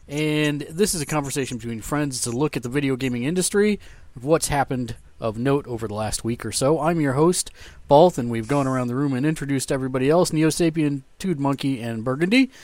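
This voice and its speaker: A man hosting a casual gaming podcast over a video call, relaxed and chatty and quick to laugh. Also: a little high, no echo. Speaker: podcast host. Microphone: video call mic.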